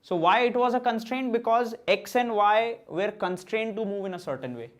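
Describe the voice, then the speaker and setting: Reading student questions and then answering them, a man from central India delivers an online physics lecture slowly in a high voice. His speech mixes English and Hindi.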